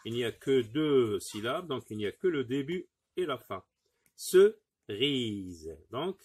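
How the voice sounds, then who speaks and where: A man's voice: fairly high pitch, breathy edge. A man teaching a phonics lesson to young pupils, patiently sounding out words syllable by syllable and encouraging the class. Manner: repeats words slowly, syllable by syllable.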